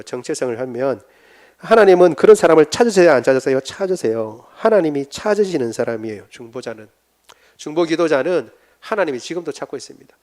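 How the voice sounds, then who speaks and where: A man's voice: medium pitch, a little mellow. A man preaching at a church prayer seminar, often asking his listeners questions and acting out the lines of biblical figures. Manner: asks the congregation questions and acts out quotes. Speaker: pastor. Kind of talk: sermon seminar teaching.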